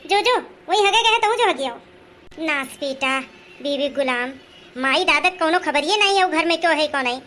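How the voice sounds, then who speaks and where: A woman playing a sharp-tongued village mother-in-law. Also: high voice, expressive, normal speed, slight background noise. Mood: angry. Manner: scolding, nagging. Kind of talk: comedy skit acting.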